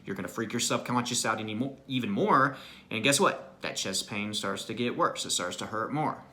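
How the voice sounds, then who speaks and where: Bright-voiced man coaching through anxiety. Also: on the low side, normal speed. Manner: earnest, repetitive, peppers lines with "right?" and "you know". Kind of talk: motivational self-help talk.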